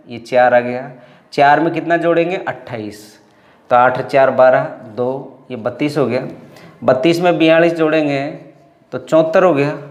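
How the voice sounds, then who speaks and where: ऊँची आवाज़ वाला गणित शिक्षक, गूंजता कमरा. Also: male voice, on the high side, roomy sound. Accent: Rajasthani Hindi. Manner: patient, explains step by step and repeats sums aloud. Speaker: math teacher. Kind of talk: classroom math lesson.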